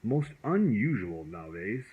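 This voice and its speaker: A man's voice: lowish voice, sing-song, a little slow, slightly rough, narrow, tinny audio, heavily acted. A man voicing a friendly, whimsical magic dragon in a storybook, with polite, quaintly formal talk. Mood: polite, puzzled.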